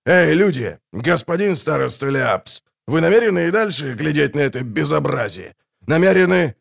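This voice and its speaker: A man voicing a gruff dwarf who talks through gritted teeth and barks angrily. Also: medium pitch, moderate pace, lightly acted. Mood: angry. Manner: hissing, gruff. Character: gruff angry male dwarf.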